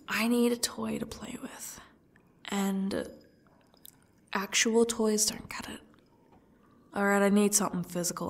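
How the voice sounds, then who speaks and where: A woman acts out a sadistic female yandere stalker in an ASMR role-play. Her voice is husky and crackles with fry, and she takes her time, taunting her captive with smug, faux-gracious menace. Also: mid-range voice, full character voice. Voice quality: breathy, husky, dropping into speaks softly.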